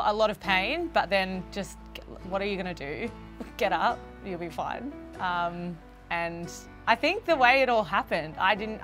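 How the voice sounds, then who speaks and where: A young woman, a netball player, speaking earnestly in a documentary interview and growing animated as she recalls key moments. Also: on the low side.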